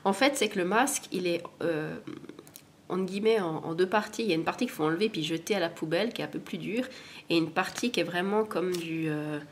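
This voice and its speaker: A woman's voice: fairly low pitch, brisk, a little hiss or hum. A woman with a cold chatting casually through a beauty product review, rambling and poking fun at herself. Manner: chatty, rambling, self-deprecating. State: has a cold. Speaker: beauty vlogger.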